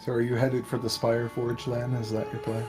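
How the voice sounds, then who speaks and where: A man narrating a tabletop game as game master, improvising the story in a halting, measured way. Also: medium pitch, monotone, darkish tone. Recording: faint background music.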